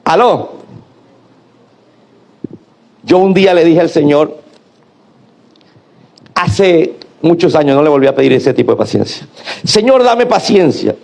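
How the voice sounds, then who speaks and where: High-voiced pastor preaching. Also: male voice, moderate pace, gravelly, pauses often, a little mellow. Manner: preaching, calling on the congregation to repeat and answer. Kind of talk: sermon.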